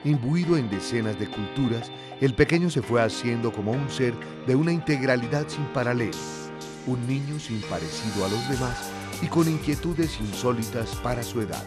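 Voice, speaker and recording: A man's voice: medium pitch, expressive. Man narrating a documentary over music. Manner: measured, lofty storytelling. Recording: voice-over with loud music behind.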